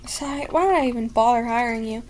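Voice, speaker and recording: A woman's voice: fairly high pitch, fast, a little mellow, slight background noise, lightly acted. A woman voicing an impatient inn boss scolding a shy worker in a game. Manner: scolding, exasperated.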